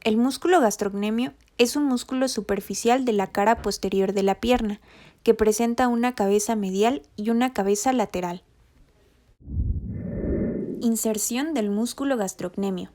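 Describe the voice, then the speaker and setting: Mellow woman reading anatomy lessons. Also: fairly high pitch, moderate pace. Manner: even, methodical reading of anatomy terms. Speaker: rehabilitation instructor. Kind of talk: scripted educational narration.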